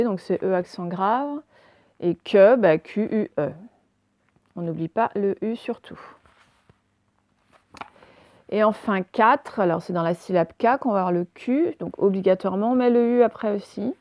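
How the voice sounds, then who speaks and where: A woman teacher giving a recorded spelling lesson, dictating words slowly and spelling them letter by letter. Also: medium pitch, darkish tone, dry recording. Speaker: primary school teacher.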